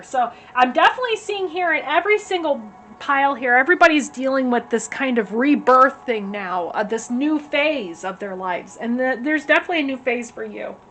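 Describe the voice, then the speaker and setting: A woman giving a casual tarot reading, chatty and rambling with many fillers, her voice slightly hoarse as she is losing it. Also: on the high side, fairly bright tone, a little hiss or hum. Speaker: tarot reader. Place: at home.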